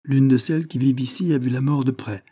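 A man's voice: medium pitch, fairly even intonation, fast talker, warm tone, slightly rough, dry recording, clean studio sound, pitched above the performer's own voice, lightly acted. A man reading an audiobook, voicing a stern coroner who questions a witness in a severe, formal way. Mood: firm. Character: stern middle-aged male coroner.

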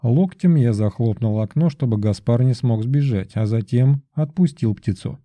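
A man narrating a fantasy audiobook in a measured, steady storytelling manner. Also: mid-range voice, dry recording.

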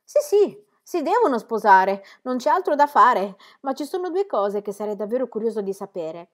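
A woman reading the part of a blunt, sardonic middle-aged gentleman father, dry and emphatic. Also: medium pitch, big pitch swings, a little fast, natural voice. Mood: exasperated. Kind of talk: audiobook character reading.

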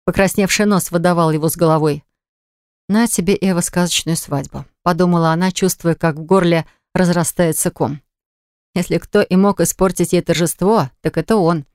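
A woman reading an audiobook in measured scripted narration on a close studio mic. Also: on the low side, steady tone, darkish tone, clean tone, dry recording.

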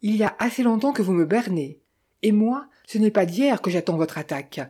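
A woman's voice: medium pitch, animated, a little fast, warm tone, husky. A woman voicing a tense young man posing as a detective, speaking curtly in a storybook reading. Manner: curt, clipped, through clenched teeth.

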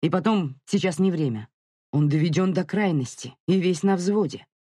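An audiobook narrator voicing a young father who speaks firmly and tries to calm his wife. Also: mid-range voice, no room sound, clean studio sound, voice pushed up, close to an everyday voice. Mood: stern. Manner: firm, commanding, measured. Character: stern calm young father trying to soothe. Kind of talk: audiobook character reading.

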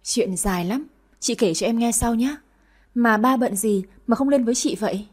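A woman voices a spirited young wife and big sister in an audio story. She fusses warmly over her family but snaps bossily when teased. Her voice is husky and mellow, pitched a little high. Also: moderate pace, lightly acted. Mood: concerned. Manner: warm toward family, bossy when teased.

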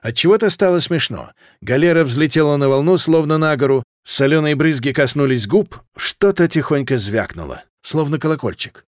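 A man reading a historical fantasy audiobook with steady, lively narration. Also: a little high, normal speed, hardly any pauses, dry recording, studio quality.

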